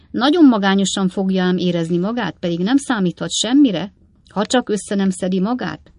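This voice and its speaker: A woman's voice: mid-range voice, a little mellow, no echo, pitched above the performer's own voice, lightly acted. A woman doing a fawning widowed cook. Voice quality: wheedling, coaxing.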